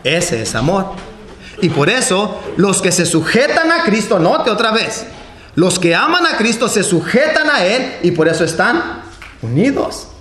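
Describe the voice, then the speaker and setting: A man preaching a sermon with impassioned delivery, often dropping low and quiet at the ends of phrases. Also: big pitch swings, a little slow. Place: church hall. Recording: echoey church hall, faint background noise.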